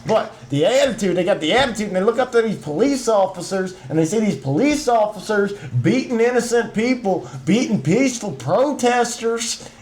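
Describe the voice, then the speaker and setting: A man with a high, light voice hams up a thick Southern twang as he rants in an easygoing podcast chat. He is emphatic and folksy, leans on slang and stutters through restarts as he builds a point. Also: expressive, moderate pace, hardly any pauses, darkish tone. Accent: put-on Southern US twang. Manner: ranting, emphatic, repeats words, folksy slang. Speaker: podcast co-host. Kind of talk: casual opinionated chat.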